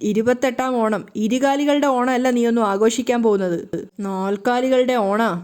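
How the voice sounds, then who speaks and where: A woman's voice: a little high, fairly even intonation, moderate pace, a little mellow, clear, resonant tone, natural voice. A woman voicing a scheming young woman who hides her scorn. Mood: scornful.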